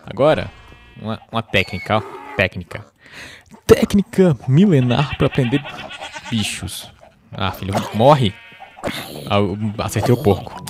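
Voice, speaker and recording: A man's voice: lowish voice, gravelly. A young man hosting live gameplay commentary, jumpy and easily startled, often crying out in alarm and chatting to the animals and to himself. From Brazil. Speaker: gaming channel host. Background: game music and sheep bleats.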